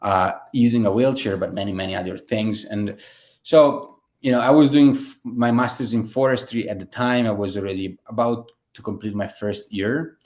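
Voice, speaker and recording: A man's voice: lowish voice, steady tone, normal speed, a little mellow. A man, a guest telling his story in a casual interview, rambling with many fillers and restarts. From Italy. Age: 30s.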